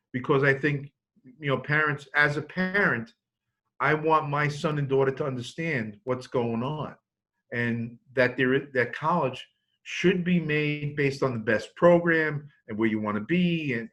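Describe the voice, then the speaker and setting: Brief: fifties man presenting financial aid to parents, folksy and anecdotal, with a bright tone. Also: medium pitch. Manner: anecdotal, joking, with many restarts. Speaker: college financial aid speaker. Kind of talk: informational talk to parents.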